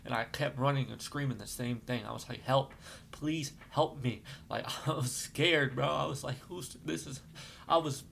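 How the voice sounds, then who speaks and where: Man of middling pitch with a gravelly edge, rambling through a shaken personal account; light background rumble. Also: brisk, few pauses. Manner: rambling, with many fillers and restarts; gets shaken and apologizes, trying to calm down. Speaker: vlogger telling his life story. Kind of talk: emotional personal storytelling.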